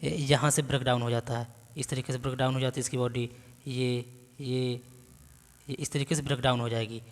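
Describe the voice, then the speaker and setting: A man's voice: mid-range voice, little pitch movement, in a large hall. Man dictating a biology lecture. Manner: dictates notes slowly, then explains and quizzes with repeated questions. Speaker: biology teacher. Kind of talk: exam-prep lecture.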